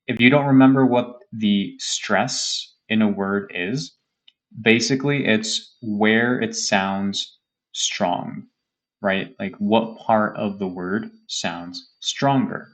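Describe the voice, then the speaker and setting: Male teacher, lowish voice, unhurried delivery, patient explainer for beginners. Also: a bit bright, rough recording. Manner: patient, explains slowly with frequent "okay?" and "right?" checks. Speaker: English teacher. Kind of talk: grammar lesson for beginners.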